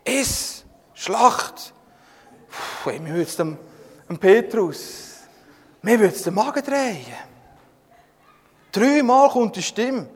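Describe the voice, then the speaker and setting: A man with a Swiss German accent delivers a sermon in a high, unhurried voice, spinning the story with jokes and turning to people in the audience by name. His words ring out with a long, echoing reverb. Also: husky. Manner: lively, humorous storytelling, addressing listeners by name. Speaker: preacher.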